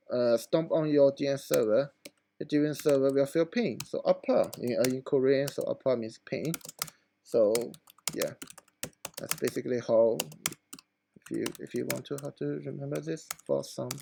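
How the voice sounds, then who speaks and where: This man sounds hoarse, as if his voice is giving out, and his pitch sits in the middle. He narrates a screen-recorded computer tutorial haltingly and informally, with plenty of fillers, over some background noise.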